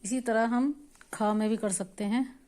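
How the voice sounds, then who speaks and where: A woman teaching Hindi vowel signs, drawing out each sound loudly and then explaining it softly, step by step. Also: fairly high pitch, fairly even intonation, a little slow. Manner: patient, step-by-step instruction while writing. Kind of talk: slow spoken lesson on Hindi vowel signs.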